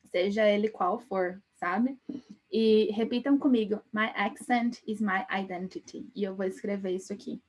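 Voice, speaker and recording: Speaking at a measured pace in a medium pitch, this young woman from Brazil teaches English on a live stream. Her interior São Paulo Portuguese accent comes through as she chats, laughs often, and closes lines with tag questions.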